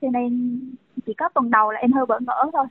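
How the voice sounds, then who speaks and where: A woman's voice: fairly high pitch, fairly quick, husky, no echo. A young woman doctor in her thirties, speaking by phone in an earnest, conversational way with frequent fillers. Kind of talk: phone interview. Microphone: telephone. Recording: tinny dry phone line.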